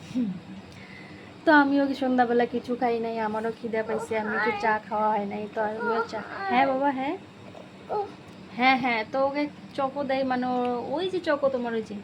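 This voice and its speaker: A woman's voice: on the high side, noisy background. A young mother vlogging, coaxing her little son in a sing-song baby-talk voice. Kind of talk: casual family vlog.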